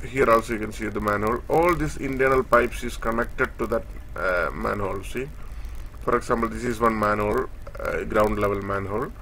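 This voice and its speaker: A man giving a screen-share technical tutorial, explaining step by step in a halting way with many fillers as he points across a drawing. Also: fairly low pitch, fairly even intonation, sharp tone, a little hiss or hum. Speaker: instructor.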